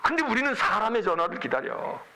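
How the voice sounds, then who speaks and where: A middle-aged male pastor preaches in a loose, conversational way and slips into the voices of the people in his story. His tone is high and very bright, with a gravelly rasp. His pitch leaps up and down as he talks. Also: sing-song, brisk, low-quality recording. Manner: colloquial storytelling, acting out quoted voices with wide swings. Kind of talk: sermon.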